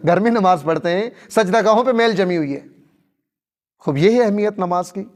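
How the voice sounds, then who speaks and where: A male cleric delivering a sermon, firing rhetorical questions and slowing down to stress key points. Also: high voice. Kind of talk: Shia sermon.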